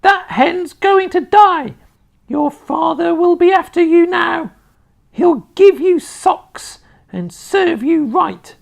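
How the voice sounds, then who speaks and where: A storyteller voicing a bossy, gloating old grandmother from a children's storybook, yelling shrilly with drawn-out words. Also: very high-pitched, lively intonation, vocal fry, voice pushed up, full character voice. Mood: scolding. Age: older.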